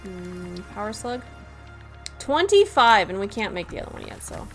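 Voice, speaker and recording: A woman streamer giving casual gameplay commentary, excitable, thinking aloud and laughing often. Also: medium pitch, a little fast, rough recording. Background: game music.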